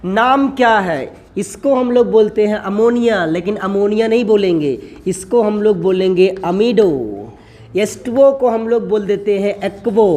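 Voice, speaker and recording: A man's voice: high-pitched, a little mellow. A male chemistry teacher lecturing while he writes on a board. He keeps asking the class questions and answering them himself, and talks to his students in a familiar way, calling them son and brother.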